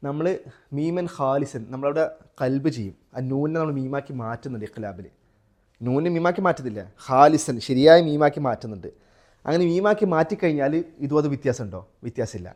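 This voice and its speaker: A man with a Malayali accent teaching a Quran recitation class, quizzing his students and chanting example verses slowly. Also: mid-range voice, animated, a little mellow. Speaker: tajweed teacher. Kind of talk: live class lesson with students.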